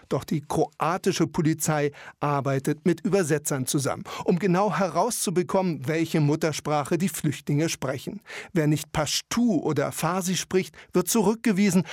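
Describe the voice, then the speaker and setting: Male news reporter voice-over, slightly raised pitch, dry booth sound. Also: darkish tone, no echo. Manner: measured, matter-of-fact. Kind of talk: scripted news narration.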